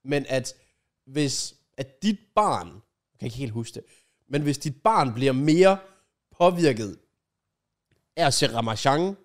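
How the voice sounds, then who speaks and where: A man's voice: mid-range voice, lively intonation, long pauses. A young adult man with a Danish accent, chatting casually and anecdotally with slang and some swearing. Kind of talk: casual chat.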